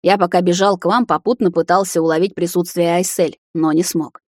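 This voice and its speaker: A woman's voice: lowish voice, fairly even intonation, fairly quick, darkish tone, no echo, clean studio sound, close to an everyday voice. A woman voicing a sympathetic vampire uncle who explains kindly, in a storybook reading.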